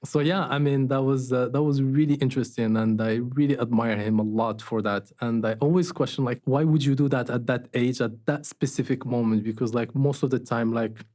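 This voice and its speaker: A man from Morocco, a company founder, talking in a relaxed interview and telling stories with fillers and restarts. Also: mid-range voice, brisk, hardly any pauses. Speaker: guest, startup founder. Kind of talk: casual interview conversation.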